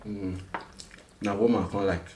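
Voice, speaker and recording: A man's voice: on the low side, fairly even intonation, unhurried, a little mellow. A man with a Nigerian accent bantering casually with his spouse, chewing as he talks. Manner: chewing while talking. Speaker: husband in mukbang vlog. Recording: echoey room, faint noise.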